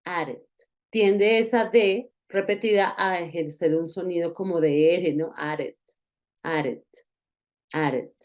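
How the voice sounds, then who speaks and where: A woman giving a recorded online lesson, explaining patiently and repeating example words slowly. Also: mid-range voice, a little mellow. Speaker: English teacher.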